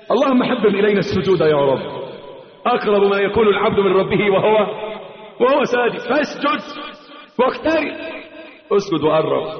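A man with an Egyptian accent preaching a mosque sermon, telling stories dramatically and acting out the quotes in colloquial asides. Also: sits high. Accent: Egyptian Arabic. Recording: echoey dull hall recording.

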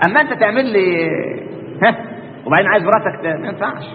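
A man's voice: high voice, expressive, very fast, long reverb tail, narrow, tinny audio, a little hiss or hum. A man with an Egyptian accent preaching a colloquial religious lesson, constantly posing rhetorical questions and answering them himself. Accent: Egyptian Arabic.

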